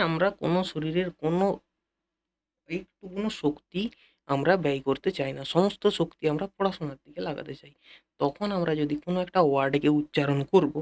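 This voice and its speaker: A man teaching an English lesson in a Bengali accent, repeating key phrases slowly and speaking directly to his students. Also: a little high. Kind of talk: classroom-style lesson explanation.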